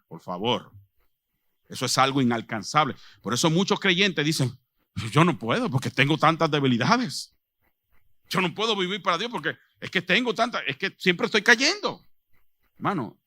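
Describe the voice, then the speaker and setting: Lively, bright-voiced man preaching. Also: fairly high pitch, no echo. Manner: emphatic preaching, asks the congregation questions. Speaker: pastor. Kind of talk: sermon. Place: chapel with a microphone. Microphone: handheld or stand microphone.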